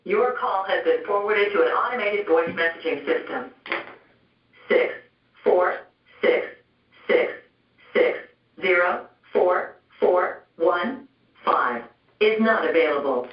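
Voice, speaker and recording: An automated man's voicemail greeting played over a phone on speaker, reading out digits one by one in a flat, measured way. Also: high voice, distant mic. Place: hearing room, from a phone on speaker. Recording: muffled phone speaker, echoey room, off-mic.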